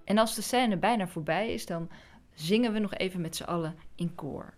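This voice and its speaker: A woman gives spoken music commentary, telling it in an expressive, illustrative storytelling way. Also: lowish voice, moderate pace. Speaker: string quartet musician presenting a music podcast.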